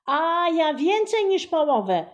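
A woman voicing a noisy, eager little boy who shouts to show off. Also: very high voice, very animated, slow pace, voice pushed up, heavily acted. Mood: eager loud.

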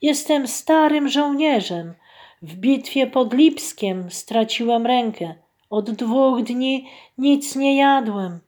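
A woman's voice: high voice, lively intonation, takes it slowly, a little mellow, pitched above the performer's own voice. A woman voicing a frail, ragged old soldier who begs in a faint, breathless way in a storybook tale. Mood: pleading. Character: old ragged one-armed beggar soldier, weak.

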